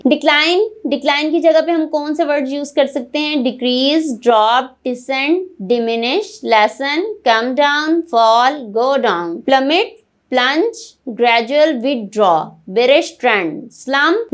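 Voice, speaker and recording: Woman tutor with a high voice, unhurried, reading vocabulary lists and quizzing her students. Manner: slow, deliberate reading of word lists; asks the students questions and answers them. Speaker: IELTS writing teacher. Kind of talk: explanatory lesson mixing Hindi and English.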